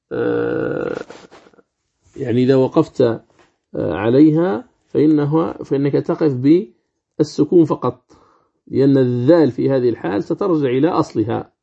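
A man teaching the rules of Quran recitation, asking and answering his own questions and slowly demonstrating words. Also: medium pitch, vocal fry, warm tone, slightly rough, muffled recording. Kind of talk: religious lesson commentary.

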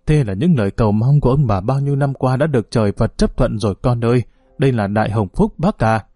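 An elderly grandfather, voiced by a male audiobook narrator, speaks with pressing insistence. The tone stays mellow and warm. The recording is close and dry. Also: mid-range voice, expressive, fast, husky, dry recording, soft background music. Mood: joyful. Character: elderly grandfather, overjoyed then commanding.

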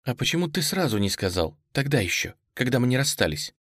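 A man's voice: mid-range voice, big pitch swings, a little fast, fairly bright tone, no echo, studio quality. A man voicing a frightened, tearful young woman who pleads in a trembling voice, in an audiobook reading.

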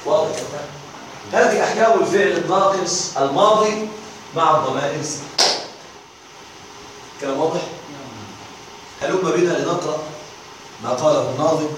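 Male grammar teacher, high voice, drills and checks the class, distant mic with faint hiss. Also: moderate pace, long pauses. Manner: drills verb forms aloud, asks students if it is clear. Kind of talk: classroom lesson. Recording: echoey room, distant mic, faint noise.

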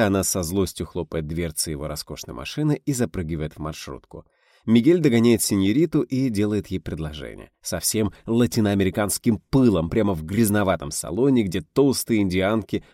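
A man reading a novel aloud as an audiobook narrator, telling the story with lively expression. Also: sits low, dry recording, clean studio sound. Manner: animated storytelling, voicing characters.

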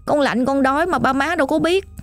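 A woman's voice: high-pitched, fast talker, no echo, soft background music, voice pushed up, close to an everyday voice. A woman voicing the ghost of a lonely, hungry little boy in a told ghost story, pleading and whiny, with a Southern Vietnamese accent. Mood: sulky, pleading.

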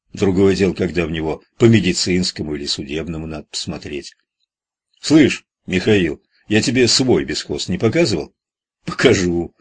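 A man doing a crude old gravedigger, husky and low. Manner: slangy, grumbling talk. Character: coarse old male gravedigger, blunt and crude.

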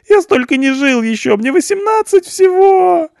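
A man's voice: sits high, lively intonation, measured pace, creaky, dry recording, clean studio sound, voice pushed up, exaggerated voice. A man voicing a panicky eighteen-year-old punk boy behind bars, whining and pleading in slang. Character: panicky whiny teenage punk boy in jail.

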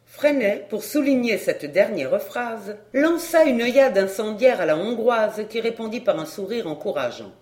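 A woman reading a classic detective novel aloud in a measured storytelling manner. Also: mid-range voice, animated, darkish tone. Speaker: audiobook narrator. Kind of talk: scripted narration. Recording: roomy echo.

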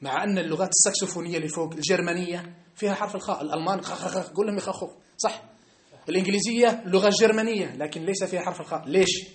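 Fast, high-voiced North African Arabic teacher. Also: male voice. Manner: emphatic, keeps checking understanding with rhetorical questions. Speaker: religious teacher. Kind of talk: classroom lesson. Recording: echoey room.

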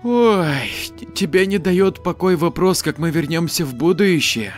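A man's voice: medium pitch, animated, normal speed, soft background music, pitched above the performer's own voice, lightly acted. A man voicing a practical, self-assured young woman who turns snappish when irritated. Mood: easygoing. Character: young woman time traveller, sharp and practical.

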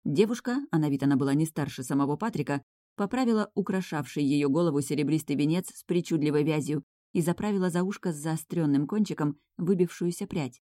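A woman's voice: deep voice, quick pace, warm tone, no room sound, clean studio sound. A woman reading a fantasy novel aloud as audiobook narrator. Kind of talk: scripted narration.

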